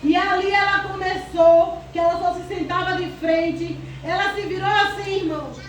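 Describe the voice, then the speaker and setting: A church member with a very high voice delivers a fervent testimony, holding back tears while calling out praise. Her intonation stays fairly even and her pace moderate. She is recorded from afar in a very echoey hall with a faint room hum underneath.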